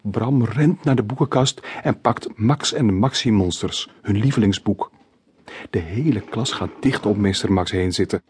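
A man narrating his own children's storybook as an audiobook, in clear, measured storytelling. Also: fairly low pitch, darkish tone. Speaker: author reading his own book.

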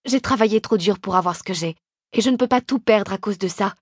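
A woman's voice: mid-range voice, brisk, breathy edge, dry recording, clean studio sound, lightly acted. Woman voicing Parker, a guilty worn-out young man. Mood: weary, pleading. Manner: tense, apologetic pleading. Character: guilty, worn-out young man leaving his sick wife.

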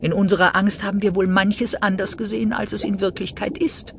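A woman's voice: mid-range voice, steady tone, fairly quick, creaky, noisy background, pitched above the performer's own voice, close to an everyday voice. A woman reading a storybook, voicing a kind and brave rainbow fish in a soothing, raised voice. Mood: reassuring.

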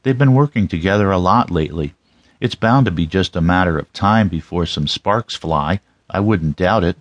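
A male narrator plays a seasoned detective in a crime audiobook. He is wry and matter-of-fact, low in pitch, with a dry, close sound. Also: moderate pace, dry recording, dull audio. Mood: dismissive. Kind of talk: audiobook character dialogue.

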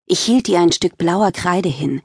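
A woman narrating a children's audiobook in the first person, with lively, expressive storytelling. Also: on the low side, unhurried, gravelly, breathy edge, dry recording, studio quality.

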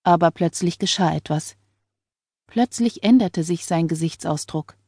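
A woman reading an audiobook novel in calm, measured storytelling. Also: lowish voice, breathy edge, dry recording, clean studio sound. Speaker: audiobook narrator. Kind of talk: scripted narration.

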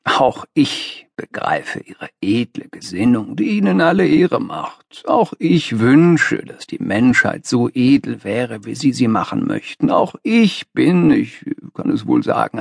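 A man voicing a successful, cynical older master who lectures a young man in a patronizing, measured way in an audiobook reading. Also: medium pitch, gravelly, slightly rough, no echo, studio quality, exaggerated voice.

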